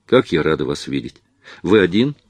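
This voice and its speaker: A man voicing a cheerful young woman actress with a lively, teasing manner. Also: sits low, moderate pace, breathy edge, dry recording, exaggerated voice. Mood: glad.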